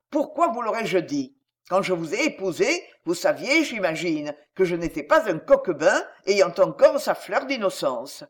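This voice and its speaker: A woman voicing a hot-tempered, blustering nobleman who speaks angrily and loudly. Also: medium pitch. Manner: angry, blustering, loud.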